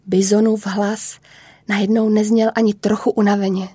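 Mellow woman narrating a children's story. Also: medium pitch, slightly rough, no echo, studio quality. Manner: calm, measured storytelling.

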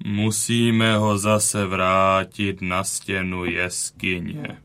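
A man voicing a wounded old male bison from a cave painting in a children's audio story. He speaks slowly, with weary dignity. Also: on the low side, fairly even intonation, pushed and bright. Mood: weary, proud. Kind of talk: audiobook character reading.

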